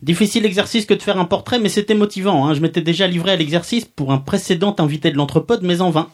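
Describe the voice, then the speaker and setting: A man's voice: sits high, fast. Male performer as a pompous, sardonic podcast columnist, mock-serious comic roast. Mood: smug, mocking. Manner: mock-pompous, sardonic, chuckling at own jokes.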